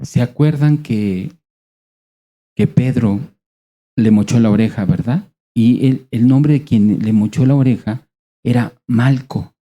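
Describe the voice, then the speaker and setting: A male preacher with a Mexican accent and a very dark, mellow voice. He teaches in a conversational way, asking his listeners questions and pausing for effect. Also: mid-range voice. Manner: conversational, rhetorical questions, dramatic pauses. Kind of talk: sermon.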